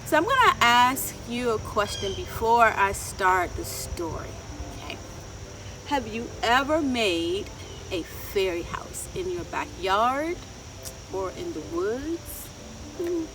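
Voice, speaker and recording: Reading a picture book aloud to children, a middle-aged woman storyteller speaks at a medium pitch, expressive and deliberate, often asking her listeners questions. She's outdoors in a wooded garden, captured on a distant mic with insects and outdoor ambience in the background.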